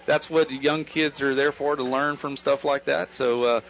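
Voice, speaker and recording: A man with an American accent delivers post-game sports commentary in a medium-pitched voice. His phrasing is colloquial and folksy. The sound is dull and low in fidelity, like small-station radio. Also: steady tone, normal speed, vocal fry, fairly bright tone. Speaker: baseball play-by-play announcer.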